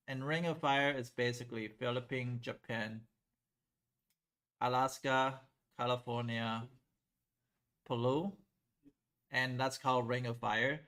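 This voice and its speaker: A middle-aged man from Taiwan teaching a math class in a classroom, lively and asking the class questions. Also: medium pitch, takes it slowly, pauses often, smooth. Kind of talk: classroom lecture at a whiteboard.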